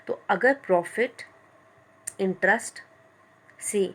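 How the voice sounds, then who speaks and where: A woman teaching a lesson, explaining each point step by step and reading English lines slowly. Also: mid-range voice. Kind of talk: classroom-style lecture.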